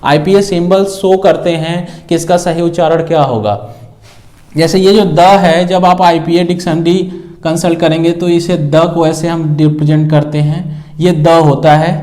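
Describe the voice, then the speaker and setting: A man's voice: fairly high pitch, fairly even intonation, unhurried, warm tone. A man teaching an English grammar lesson, explaining patiently and often checking in with the listener while writing on a board. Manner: mixes Hindi with English phrases.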